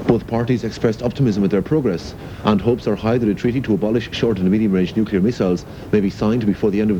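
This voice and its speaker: A fast-reading man delivers the news with a low voice and formal snap. He comes through a tinny old radio broadcast, with clear hiss beneath him. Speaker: radio newsreader. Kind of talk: read news bulletin.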